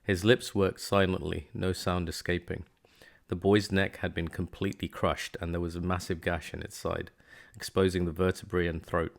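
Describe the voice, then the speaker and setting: A man reading a fantasy novel aloud as an amateur narrator, in a steady, measured way. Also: deep voice, creaky. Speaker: hobby book reader.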